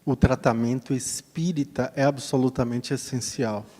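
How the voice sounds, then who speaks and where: A man with a Brazilian Portuguese accent answering a question at a spiritist lecture in a measured, explanatory way. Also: medium pitch, fairly even intonation, dark tone. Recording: long hall reverb.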